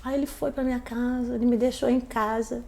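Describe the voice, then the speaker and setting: Animated high-voiced woman storyteller. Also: brisk, creaky. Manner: animated, acts out quoted voices. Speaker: live stream host.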